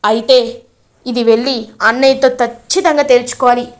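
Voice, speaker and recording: A woman's voice: a little high, steady tone, normal speed, lightly acted. Woman voicing an anguished young man. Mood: demanding. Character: wounded young man confronting his brother.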